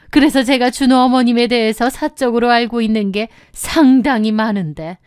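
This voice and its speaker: A woman voicing a composed middle-aged mother who speaks in a cold, firm, measured way. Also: a little high, darkish tone, smooth, dry recording, clean studio sound, lightly acted.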